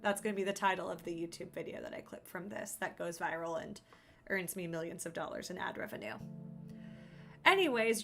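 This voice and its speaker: A young adult woman streaming a video game, reading its text aloud and chatting playfully with viewers. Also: lowish voice. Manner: chatty and playful, jumps to loud startled exclamations. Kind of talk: casual let's-play commentary, reading game text aloud. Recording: game music playing underneath.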